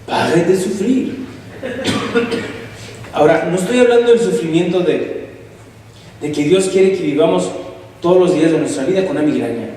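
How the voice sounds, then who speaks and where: A man preaches a storytelling sermon. His voice sits high for a man and he speaks from some distance from the mic. The sound rings through a large, echoey church hall with faint noise behind it. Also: animated, brisk, mellow. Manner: storytelling, with calls to the congregation. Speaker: pastor.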